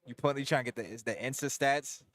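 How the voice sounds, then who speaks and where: A man in his mid twenties co-hosting a watch-party stream, animated and eager in casual chat. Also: medium pitch, fast, no echo. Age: 20s. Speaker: stream co-host. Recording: crowd noise in the background.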